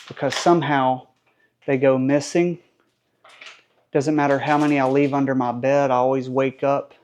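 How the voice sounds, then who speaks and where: A man's voice: mid-range voice, a little mellow, a little hiss or hum. A man in his thirties with a Southern accent, chatting casually and joking at himself while he works on a truck in his home garage. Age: 30s. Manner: joking, self-deprecating, talks while working. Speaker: car restoration vlogger.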